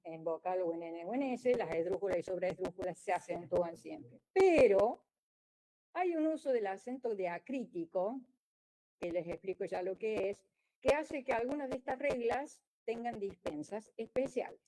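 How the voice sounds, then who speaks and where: A woman's voice: mid-range voice, lively intonation, moderate pace, warm tone, low-quality recording. A woman giving a conference lecture as a geologist, explaining in a wry way with frequent restarts. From Argentina.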